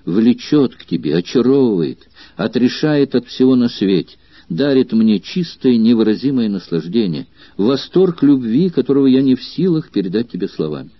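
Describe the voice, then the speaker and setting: A man's voice: mid-range voice, expressive, normal speed, dry recording, highs cut off, close to an everyday voice. A man reading an ardent young gladiator. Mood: rapturous. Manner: passionate, pleading, rising outbursts.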